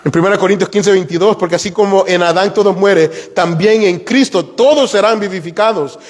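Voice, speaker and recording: A man's voice: sits high, a little fast. A man preaching an expository sermon. He is emphatic, rises for key points and puts rhetorical questions to the congregation. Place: church sanctuary. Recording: long hall reverb.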